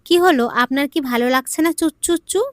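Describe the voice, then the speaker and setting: A woman's voice: high voice, moderate pace, no room sound, studio quality, lightly acted. A woman voicing a naive, playful young girl bride who chats in a childlike, innocent way. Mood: teasing.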